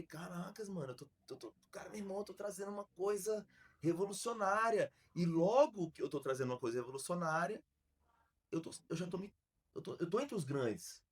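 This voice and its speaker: A Brazilian man hosting a podcast tells a story in a casual, slangy, animated way, restarting his sentences often. His voice is fairly high-pitched with a breathy edge.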